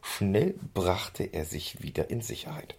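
A man reading a children's book aloud in an expressive storytelling manner, on a handheld recorder. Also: fairly low pitch, unhurried, creaky, slightly rough. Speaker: reader.

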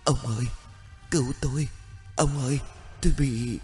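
Male narrator as ghost of an old wife: breathy, faint, higher and hushed, pleading. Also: fairly even intonation, normal speed, faint music behind, lightly acted. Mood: ghostly pleading.

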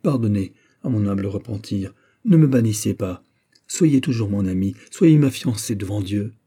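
Man doing a young captain in love, ardent, begging, low warm husky voice. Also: expressive, moderate pace. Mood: pleading. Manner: fervent, pleading. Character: dashing young naval captain, ardent lover.

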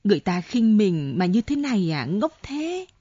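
A woman voicing a frightened, insistent older woman who pleads breathlessly in a high voice, on a dull lo-fi audiobook recording. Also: big pitch swings, normal speed, dark tone, no echo. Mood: pleading.

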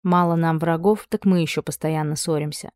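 A woman's voice: sits low, fairly even intonation, a little fast, a little mellow, no room sound, clean studio sound, close to an everyday voice. A woman reading the part of a young noble duchess who is anxious and stubborn, with a breathless, emotional delivery.

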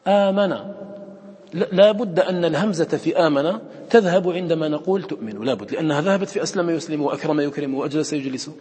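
A man's voice: on the high side, racing, a little mellow, breathy edge, long reverb tail. A man teaching a class on recitation, repeating words aloud and quizzing his students with questions.

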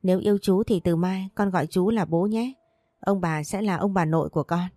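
Older country mother in a storybook, fond but bossy, read by a woman, warm low voice. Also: fairly quick, dry recording, clean studio sound, close to an everyday voice.

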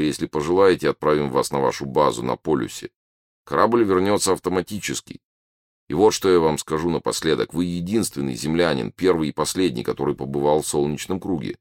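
A man reading the part of a polite, condescending male alien official who lectures smoothly. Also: a bass voice, no room sound, clean studio sound. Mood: patronizing.

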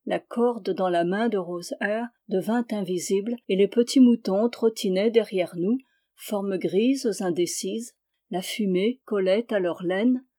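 A woman narrating a literary novel aloud, calm and measured, with expressive phrasing. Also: mid-range voice. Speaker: audiobook reader.

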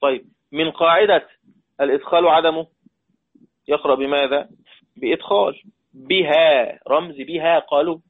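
Egyptian teacher, tinny lo-fi sound. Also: male voice, fairly high pitch, moderate pace, long pauses. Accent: Egyptian Arabic. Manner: repeats points, quizzes listeners, draws out recited words. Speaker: Quran recitation teacher. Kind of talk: classroom lesson.

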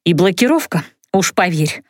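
A woman's voice: lowish voice, big pitch swings, normal speed, dry recording, clean studio sound, pitched below the performer's own voice. A woman playing a stern, scolding mother. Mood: stern, angry. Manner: sharp, scolding, angry. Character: stern, fiery middle-aged mother, a prosecutor. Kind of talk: audiobook character voice.

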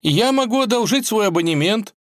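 A man's voice: high voice, lively intonation, brisk, a bit bright, dry recording, studio quality, pitched above the performer's own voice. A man voicing a shy, dreamy young male suitor who speaks timidly and hesitantly in a storybook.

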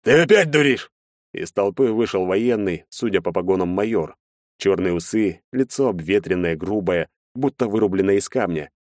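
A man narrating an audiobook in the first person, steady and measured. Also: deep voice, no echo, studio quality.

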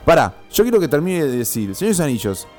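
A man's voice: a little high, sing-song, quick pace, darkish tone, faint music behind. A man with a Rioplatense Spanish accent, co-hosting a casual radio chat in a playful, teasing way.

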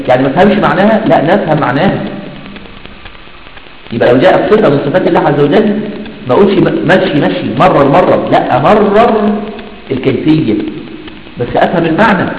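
A man with an Egyptian Arabic accent teaches an Islamic creed lesson, asking himself questions and answering them quickly. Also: on the high side, darkish tone, slight background noise. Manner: rapid, asks and answers his own questions. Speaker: religious teacher. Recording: dull echoey hall recording.

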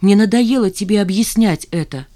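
A woman's voice: mid-range voice, moderate pace, dark tone, voice pushed up, lightly acted. A woman voicing Zhanna, insistent young woman. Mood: earnest, insistent. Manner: earnest, pleading, insistent.

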